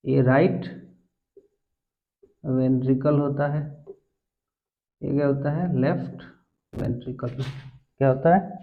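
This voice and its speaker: A man's voice: medium pitch, fairly even intonation, slow, long pauses. A man teaching biology who keeps asking his class questions, answering them himself and checking that they follow. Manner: mixes English science terms into Hindi; keeps checking understanding with tag phrases. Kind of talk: classroom lecture. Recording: tinny phone-like sound.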